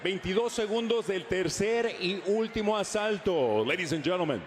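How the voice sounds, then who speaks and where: High-pitched male ring announcer, grand lucha libre style. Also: lively intonation, moderate pace. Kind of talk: bilingual Spanish and English fight announcing. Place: live fight arena. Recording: noisy live arena sound.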